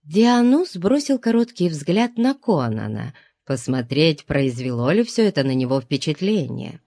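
A woman narrating an audiobook in an expressive reading. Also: deep voice, unhurried, dry recording, clean studio sound.

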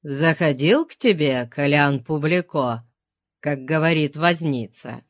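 Man as a cold inquisitor, slow curt questions, dry recording. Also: on the high side, a bit bright, no echo. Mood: interrogating. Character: stern male inquisitor, cold interrogator.

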